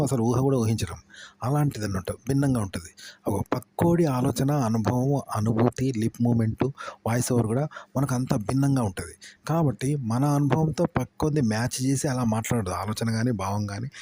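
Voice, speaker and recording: A man's voice: mid-range voice, dark tone, slight background noise. A man explaining tips for talking on camera in a repetitive style, listing word after word and asking rhetorical questions. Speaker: YouTube tips presenter.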